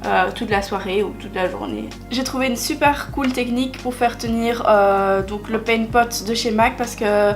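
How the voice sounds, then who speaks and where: Chatty young woman with a bright voice. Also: on the high side, moderate pace, hardly any pauses, faint music behind. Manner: chatty, full of filler hesitations, self-deprecating. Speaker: beauty vlogger. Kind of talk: makeup tutorial narration.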